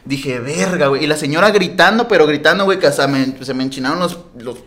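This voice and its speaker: A man's voice: on the high side, quick pace, fairly bright tone. A young man with a Mexican accent, animatedly telling a story in slangy casual chat, laughing as he goes. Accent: Mexican Spanish. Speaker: storyteller in a group podcast.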